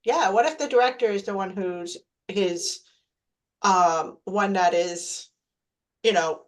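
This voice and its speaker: A woman's voice: mid-range voice, slow pace. A woman taking part in a workshop, candidly describing a practice exercise and asking the trainer direct questions. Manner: candid, asks direct questions, talks with filler. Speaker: workshop participant. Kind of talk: discussion in a training session.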